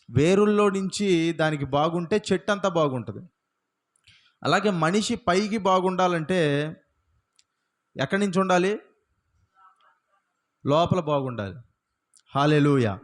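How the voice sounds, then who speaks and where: A male pastor preaching a sermon, firing rhetorical questions at the congregation and punctuating points with repeated hallelujahs. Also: sits high.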